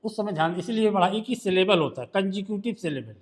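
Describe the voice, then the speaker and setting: A man's voice: sits high, lively intonation, fast talker. A male shorthand teacher with a Hindi accent, patiently quizzing a student during one-on-one tutoring.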